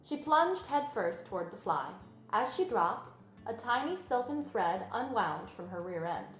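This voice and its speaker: A woman narrating a children's story aloud in an expressive storybook style. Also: medium pitch, measured pace. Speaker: storybook reader. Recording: roomy sound with music underneath.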